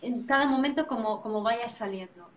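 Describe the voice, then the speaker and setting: Woman, guest therapist, animated, repeats phrases, echoey room. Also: fairly high pitch, a little fast, slight background noise. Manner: animated, repetitive phrasing, frequent tag questions. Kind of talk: reflective conversational explanation. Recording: roomy sound, distant from mic.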